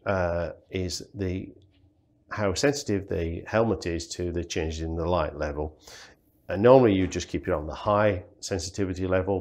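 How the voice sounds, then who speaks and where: Plainly explaining welding safety equipment, peppered with ums and uhs, a man gives a product demonstration indoors at a studio's green table. His low voice has a slightly mellow quality.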